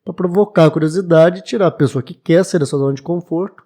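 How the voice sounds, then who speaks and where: On a casual podcast, a Brazilian guest in his late twenties who runs a bookshop speaks reflectively, now and then restarting hesitantly. His voice sits on the high side and sounds mellow, and he talks fast.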